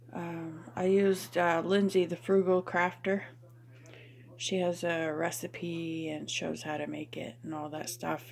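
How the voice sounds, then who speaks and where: A woman chatting casually while she does a craft project at home, rambling with lots of fillers and restarts. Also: on the low side. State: out of breath. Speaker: craft vlogger.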